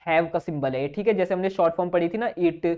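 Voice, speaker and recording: A man's voice: high-pitched, a little mellow. A man teaching a shorthand lesson, checking in with his students after almost every line. He drags out example sounds and answers his own questions. The recording is muffled and lo-fi. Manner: asks himself questions and answers them, keeps checking with "theek hai?"; spells out sounds slowly and repeats example words. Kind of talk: online exam-prep lesson. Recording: dull lo-fi recording.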